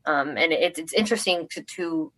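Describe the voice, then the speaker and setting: A young adult woman from the United States speaks in a fairly low voice. She is a guest on a casual podcast, upbeat and chatty, often restarting her sentences. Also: normal speed, a bit bright. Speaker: guest, armored combat athlete. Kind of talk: casual interview.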